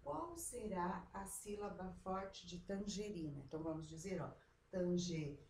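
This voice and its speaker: A Brazilian woman schoolteacher going over exercises with young children in a slow, drawn-out, sing-song teaching voice. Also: mid-range voice, expressive. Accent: Brazilian Portuguese. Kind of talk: remote class lesson for young children. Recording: echoey room with faint background noise.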